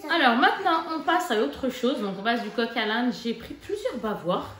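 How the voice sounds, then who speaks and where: A woman in her thirties, a mother, chatting casually and warmly to her viewers with lots of fillers while showing off her shopping. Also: on the high side, sing-song, normal speed. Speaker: vlogger, mother. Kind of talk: casual haul vlog chat. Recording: echoey room with background noise.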